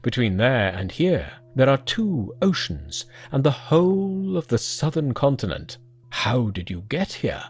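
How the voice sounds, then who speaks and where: Gruff old master grilling a new student, husky and slow, narrator voicing him. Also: mid-range voice, sing-song, soft background music. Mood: stern. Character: stern old male patriarch teacher.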